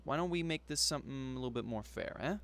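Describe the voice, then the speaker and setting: A man's voice: mid-range voice, fast talker, fairly bright tone, close to an everyday voice. A cornered male thug pleads and bargains in a wheedling, persuasive way, as a man puts him on. He is a character in a tabletop game. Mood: pleading, bargaining.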